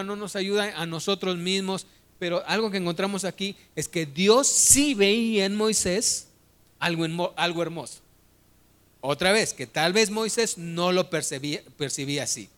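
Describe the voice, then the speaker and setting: A man's voice: sits high, normal speed, a bit bright. A man preaching a sermon, retelling a Bible story in a conversational, humorous way.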